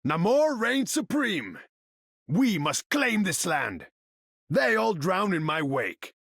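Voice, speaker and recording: Proud, imperious Namor, wildly dynamic delivery. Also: male voice, high-pitched, very animated, slow, creaky, a bit bright, breathy edge, no room sound, clean studio sound, exaggerated voice. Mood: haughty, commanding. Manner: regal, pompous, theatrical declamation in formal speech. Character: proud, imperious male sea king warrior, haughty and commanding. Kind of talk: video game character voice lines.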